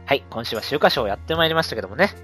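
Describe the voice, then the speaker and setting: A man's voice: medium pitch, lively intonation, rapid-fire, fairly bright tone, faint music behind. A man co-hosting a show in casual, polite comedic banter, teasing and laughing often. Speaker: radio show co-host.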